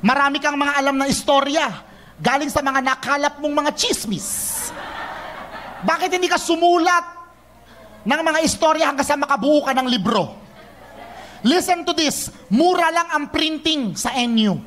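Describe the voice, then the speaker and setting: Man, high voice, animated teasing sermon, young adult. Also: normal speed, slight background noise. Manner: animated, mixes Tagalog and English, teasing the congregation. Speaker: preacher.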